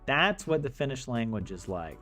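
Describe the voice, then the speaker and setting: A young American man chats casually on a live stream about life abroad, acting as a streamer teaching Finnish. His mid-range voice is sing-song and sharp at a moderate pace, and he jokes and laughs often amid fillers and restarts, with faint video game music behind him.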